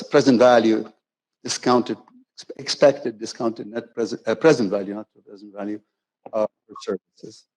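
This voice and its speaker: A man gives a keynote talk at a conference, relaxed and good-humored, restarting phrases as he goes. His voice is mellow and warm, sitting at an ordinary middle pitch. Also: low-quality recording. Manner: conversational and playful, with self-corrections. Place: conference hall.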